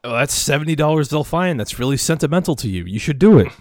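A young man co-hosting a podcast, joking in a deadpan way and swearing a lot. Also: on the high side, fast talker, dry recording, clean studio sound. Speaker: podcast co-host. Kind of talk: casual podcast chat.

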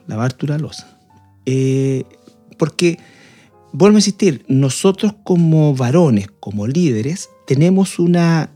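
Earnest, mellow-voiced married man explaining. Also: medium pitch. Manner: earnest, explaining at length with many restarts. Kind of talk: casual discussion.

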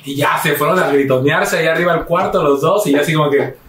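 A man's voice: on the high side, quick pace, a loud crowd. A young Mexican man casually telling a story among friends on a podcast, acting out his family with shrieking voices. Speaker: podcast host. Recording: echoey room, distant mic, faint noise.

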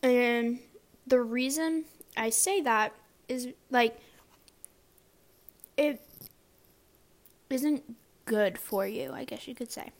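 A woman's voice: fairly high pitch, takes it slowly, creaky, long pauses. A young woman student chatting casually to camera, rambling with lots of fillers and restarts. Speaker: student vlogger.

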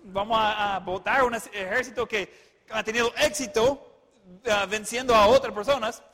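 A man preaching a sermon in Spanish, animated, retelling scripture and acting out the figures. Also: sits high, normal speed, big-room sound. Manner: animated storytelling, acts out the figures. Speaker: pastor.

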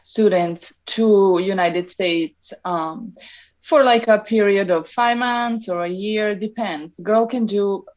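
A woman's voice: medium pitch, slow, darkish tone, lo-fi sound. A woman from Serbia with a Serbian accent, chatting relaxedly as a podcast guest, with many ums and restarts. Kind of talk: casual interview chat.

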